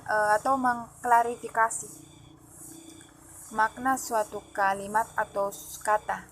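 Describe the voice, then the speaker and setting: A woman presenting phonology material as a student, reading her notes aloud and pausing often with fillers and restarts. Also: mid-range voice, a bit bright, low-quality recording. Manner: halting, with frequent "eh" fillers and restarts. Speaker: student presenting an exam assignment.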